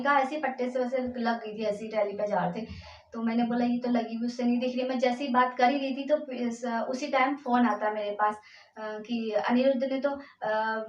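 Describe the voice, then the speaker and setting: A woman vlogger and mother telling a personal story at home, emotional and rambling, with many fillers and restarts. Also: on the high side. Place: room at home. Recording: echoey, distant, dull lo-fi sound.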